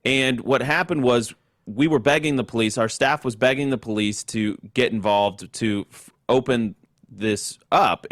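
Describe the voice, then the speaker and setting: A man's voice: mid-range voice, fairly bright tone, dry recording, clean studio sound. A man hosting a political talk show, giving commentary and putting questions to guests.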